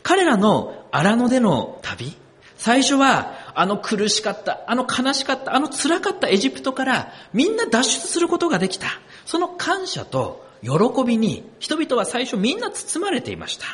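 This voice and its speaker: A man's voice: very high voice, huge pitch swings, normal speed, a bit bright, husky. A man preaching a sermon as pastor, telling the story expressively and asking the congregation questions.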